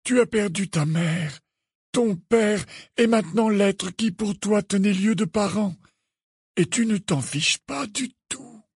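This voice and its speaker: A man voicing a very calm, gentle old headmaster wizard who speaks slowly in an audiobook. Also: very high-pitched, slightly rough, no room sound, clean studio sound, voice pushed up, full character voice. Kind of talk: audiobook character voice.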